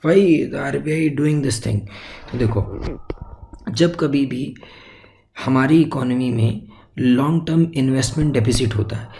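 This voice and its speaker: On a low-quality recording with a bit of hiss or hum, a male exam-prep teacher lectures in a dark, creaky, mid-range voice at a slightly slow pace with long pauses. He explains each step, asks and answers his own questions, and drops English terms into his Hindi.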